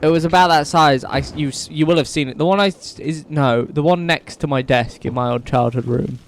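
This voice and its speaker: A man's voice: on the high side, a little fast, slight background noise. Young male co-host; dry, chatty anecdotes over gameplay. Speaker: gaming podcast co-host. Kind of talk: casual chat over gameplay.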